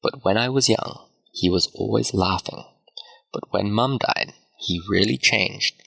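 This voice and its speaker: A man's voice: on the low side, measured pace, creaky, a bit bright, heavily acted, poor audio. A man voicing an upset, tearful teenage girl, in a plain read-aloud manner. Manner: pleading, upset.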